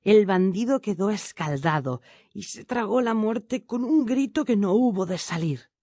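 A woman reading a storybook tale aloud in a steady, measured narration. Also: medium pitch, no room sound.

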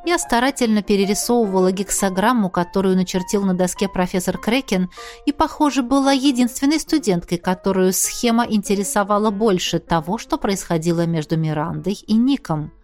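Woman narrator, fantasy audiobook, expressive, mid-range voice. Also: mid-range voice, a little fast, soft background music. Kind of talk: scripted narration.

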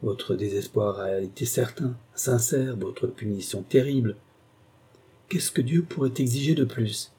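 A man voicing a calm, persuasive young man. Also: medium pitch, slightly rough. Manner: measured, persuasive. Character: calm young man reasoning with the old host.

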